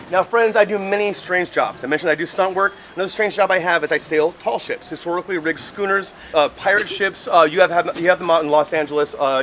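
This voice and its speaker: A man working as a ghost tour guide, telling stories in an animated, theatrical way with casual, jokey asides. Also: high-pitched. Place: outdoors on a city street walking tour. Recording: noisy outdoor street ambience.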